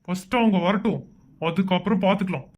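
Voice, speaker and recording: A performer voicing a menacing male gangster boss in an animated cartoon, who barks gruff, bossy threats. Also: medium pitch, fast talker, natural voice. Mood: scheming.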